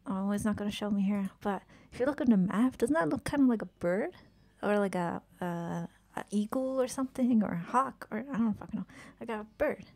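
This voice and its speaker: A woman streaming a video game, chatting casually, swearing often and reacting with quick exclamations. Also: mid-range voice, darkish tone. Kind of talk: casual live-stream commentary while playing.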